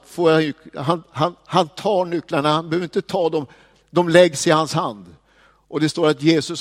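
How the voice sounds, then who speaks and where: A man preaching a sermon, dropping to hushed, slow words and then rising to loud, proclaiming lines. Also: fairly high pitch. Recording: long hall reverb.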